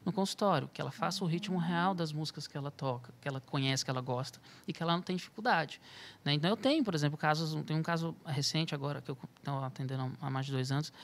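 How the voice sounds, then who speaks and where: A man's voice: a little high, gravelly, fairly bright tone. A man, a music therapist and podcast guest, explains at length, restarting his phrases, adding tag questions and sometimes chanting rhythm syllables to demonstrate. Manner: thinks aloud with frequent restarts and tag questions.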